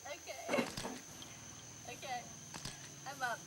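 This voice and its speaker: A woman reporting on location in an excitable, exclamatory way. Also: sits high, slow, heavy background noise.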